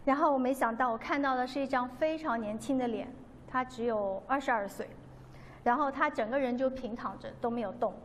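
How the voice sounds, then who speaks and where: A woman's voice: high-pitched, a little fast. Earnest woman giving a testimony. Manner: earnest, devout, re-enacts dialogue. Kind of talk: personal testimony storytelling. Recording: long reverb, faint background noise.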